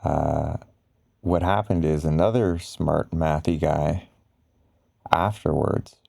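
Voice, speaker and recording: A man with a very low, dark and mellow voice talks slowly, as in bedtime pillow talk for ASMR. He rambles casually through explanations, pausing often. The delivery stays flat and relaxed. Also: gravelly, dry recording, clean studio sound. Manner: halting, rambling, casual explaining with frequent pauses. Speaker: ASMR content creator.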